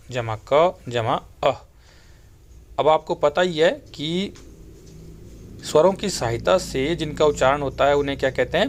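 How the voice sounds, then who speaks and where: A man teaching a school lesson, having students repeat words after him and spelling them out slowly piece by piece. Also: medium pitch. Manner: slow, spelled-out recitation.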